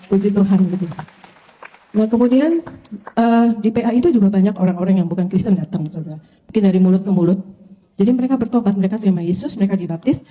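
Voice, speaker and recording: An older woman pastor gives her conversion testimony to a congregation in a medium-pitched voice. Her storytelling is lively and animated, and she often addresses her listeners directly as brothers and sisters.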